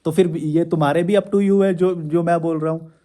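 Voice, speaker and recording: A man's voice: a little high, fairly even intonation, normal speed, warm tone. A man hosting his own channel, answering viewer comments in a combative, sarcastic, scolding rant. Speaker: YouTube channel host. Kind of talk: ranting reply to viewer comments.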